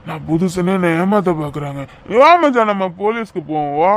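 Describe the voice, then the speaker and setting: A man's voice: high-pitched, expressive, brisk, faint music behind. A man voicing a drunk, lovesick young businessman in a cartoon, rambling with slurred, giggling talk. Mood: tipsy. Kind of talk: cartoon voice acting.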